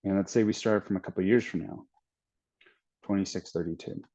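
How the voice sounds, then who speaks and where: Here the voice sits low and steady, brisk yet warm: a man in his 30s running a trading channel. Over muffled lo-fi audio, he casually walks viewers through his screen, rambling and restarting as he crunches numbers.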